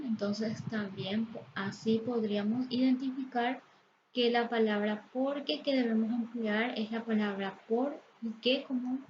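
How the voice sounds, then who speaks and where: A woman teaching a Spanish grammar lesson, explaining step by step and reading example sentences slowly and carefully. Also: a little high, a little mellow. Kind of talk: slow, deliberate lesson explanation. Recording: slightly dull, lo-fi sound with faint background noise.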